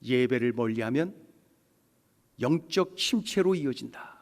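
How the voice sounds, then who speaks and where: High-voiced preaching pastor in reverb. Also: male voice. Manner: emphatic preaching with repeated questions to the congregation. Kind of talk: sermon. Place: church sanctuary.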